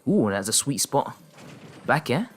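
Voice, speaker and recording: A male streamer calls online fighting-game matches and chats with his viewers. His voice leaps higher whenever a big move lands, and he laughs easily between plays. Faint game music runs underneath. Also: unhurried. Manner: excitable play-by-play, pitch jumping up on big moments, laughing often. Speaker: streamer and commentator. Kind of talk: live-stream game commentary and chat.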